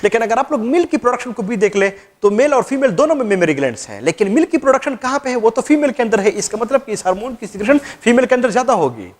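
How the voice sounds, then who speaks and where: A man's voice: very high voice, big pitch swings, quick pace, few pauses. A man teaching a class, asking questions and answering them himself. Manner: repetitive, quizzing students then answering himself. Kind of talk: classroom lecture.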